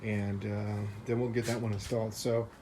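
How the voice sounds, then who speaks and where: This American car build vlogger speaks at a normal pace in a lowish, mellow voice with flat delivery. His update is relaxed, unscripted, and cheerful, peppered with slangy language, while faint traffic and surrounding sounds linger in the background.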